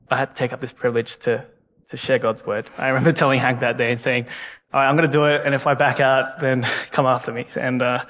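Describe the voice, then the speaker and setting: Preaching as a guest in a church hall, a young man speaks earnestly and often repeats himself, his mid-range, fairly bright voice coming through a muffled recording with long hall reverb. His English accent is non-Canadian but hard to place.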